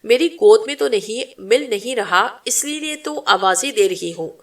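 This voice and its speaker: A woman voicing a distraught young mother who shouts and curses in a story narration. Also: animated, unhurried, recorded from a distance. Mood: irritated. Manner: shrill, cursing outbursts.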